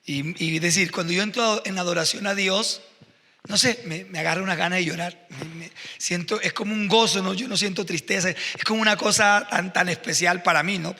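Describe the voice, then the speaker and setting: A man's voice: high voice, sharp tone, big-room sound. A male pastor preaching a sermon, telling stories with growing emotion and fervor. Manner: emotional, storytelling with rising fervor. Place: church hall.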